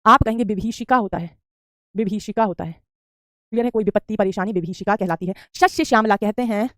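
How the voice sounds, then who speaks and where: A woman's voice: mid-range voice, a little fast, fairly bright tone, no echo, clean studio sound. A woman teaching spelling in an online exam-prep class, answering students' questions and repeating each correct word for drill. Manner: answers student questions, says "beta" often. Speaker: Hindi teacher.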